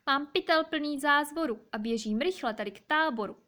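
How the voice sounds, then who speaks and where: A woman voicing a hurried, sly female fox in a children's story. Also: sits high, a bit bright, pitched above the performer's own voice. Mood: nervous.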